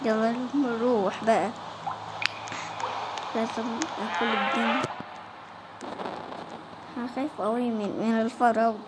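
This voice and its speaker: A woman with an Egyptian Arabic accent giving let's play commentary, excitable and crying out again and again that she is scared. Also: on the high side, normal speed, long pauses, heavy background noise. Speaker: gamer. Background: loud game music.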